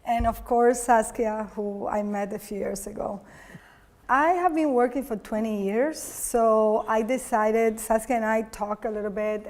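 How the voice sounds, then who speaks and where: Woman from Cuba, native Spanish speaker, artist talk, somewhat high voice, halting and searching. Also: a little mellow. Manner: halting, searching for words with many fillers. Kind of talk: public talk. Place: gallery talk before an audience.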